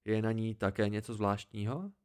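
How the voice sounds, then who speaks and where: A man's voice: on the low side, darkish tone, smooth, close to an everyday voice. A man voicing an eager, impatient young man in an amateur audiobook reading, asking plain questions.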